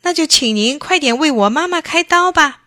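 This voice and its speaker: A woman voicing an eager little boy. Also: moderate pace. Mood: excited. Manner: high, excited childlike calls. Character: young boy Edison, eager and quick-witted. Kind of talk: children's story narration.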